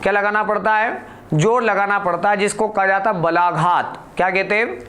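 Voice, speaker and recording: A man teaching a grammar lesson for exam students in a slow, deliberate way, putting questions to the class and answering them himself. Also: high-pitched, pushed and bright.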